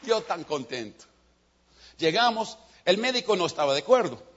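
A man's voice: high-pitched, sing-song, normal speed, a bit bright, a little hiss or hum. A man preaching in a sermon and telling a story, changing his voice for the characters. The sound is dull and lo-fi. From United States.

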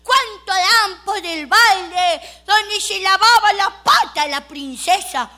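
A woman voicing a pompous male auctioneer who speaks slowly and grandly. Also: very high-pitched, pushed and bright, pitched above the performer's own voice, heavily acted. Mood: grandiose. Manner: slow and grandiose.

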